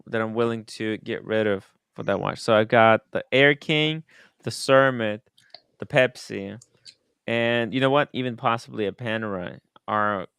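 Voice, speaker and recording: A man hosting a casual chat show in an excitable, sweary manner. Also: on the low side, clean tone, no room sound, studio quality. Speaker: podcast host.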